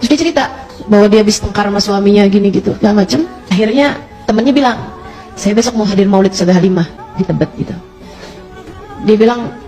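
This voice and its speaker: A woman's voice: mid-range voice, dark tone, poor audio. A woman preacher, telling a story in a sermon and acting out the quoted dialogue. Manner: retells a story with quoted dialogue, addresses listeners directly.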